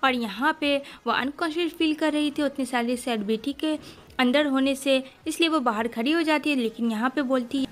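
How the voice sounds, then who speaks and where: High-voiced woman chatting through a film recap. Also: normal speed. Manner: chatty, talks straight to viewers as friends; mixes English words into Hindi. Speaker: movie recap narrator. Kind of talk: casual spoken film recap.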